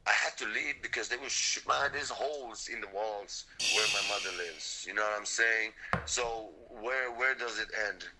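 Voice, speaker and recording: A man's voice: lowish voice, moderate pace, heavy background noise. A young man from Sweden, a frontline fighter talking as an interview guest, intense and blunt, swearing and saying "man" and "bro" all the time. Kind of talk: impassioned interview talk.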